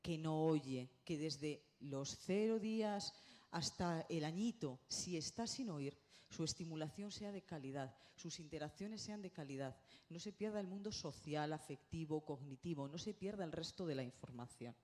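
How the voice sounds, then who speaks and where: A middle-aged woman giving a lively conference lecture as a speech therapist, often tagging her points with a quick question. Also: sits low. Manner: animated, lively, checks in with tag questions. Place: conference hall.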